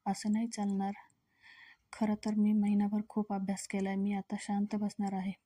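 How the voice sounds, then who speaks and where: A woman's voice: mid-range voice, monotone, normal speed, warm tone, dry recording, studio quality, natural voice. Woman reading a teasing young wife.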